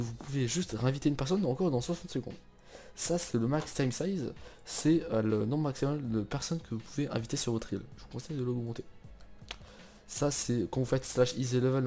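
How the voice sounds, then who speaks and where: A young man talks through a game server setup in a loose, chatty way, stopping and restarting often. His voice is mellow and darkish, at an ordinary pitch. Faint music plays underneath. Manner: chatty, relaxed, lots of fillers and restarts. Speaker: tutorial host. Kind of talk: casual screen-recorded game server tutorial.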